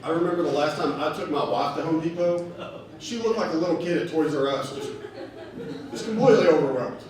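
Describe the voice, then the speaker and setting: A man doing a stand-up comedy set in a bar, telling stories with deadpan delivery. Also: a little high, brisk, crowd noise. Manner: deadpan storytelling with acted quotes. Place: bar stage with laughing audience. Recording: echoey bar room from far off, noisy.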